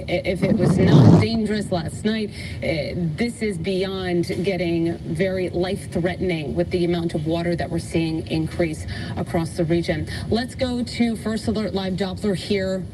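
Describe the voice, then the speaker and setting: A woman's voice: on the low side, far from the mic, noisy background. A woman anchoring live breaking storm coverage on television, serious and urgent in her delivery. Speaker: TV news anchor. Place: TV studio.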